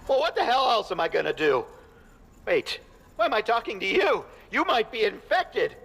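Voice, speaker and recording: A man's voice: sits high, big pitch swings, moderate pace, gravelly, fairly bright tone, big-room sound, slight background noise, exaggerated voice, poor audio. An actor voicing a paranoid, irritable man in a video game, agitated and suspicious. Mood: agitated suspicion. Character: paranoid, irritable male tenant fearing infection.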